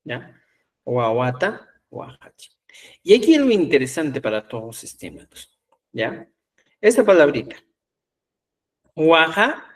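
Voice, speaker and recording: A male language teacher who speaks slowly and patiently, stopping to check that everyone follows. His voice sits a little high for a man. He is recorded from some distance away from the microphone. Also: sing-song. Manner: patient, explains step by step with frequent checks like "¿ya?". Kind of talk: online class explanation.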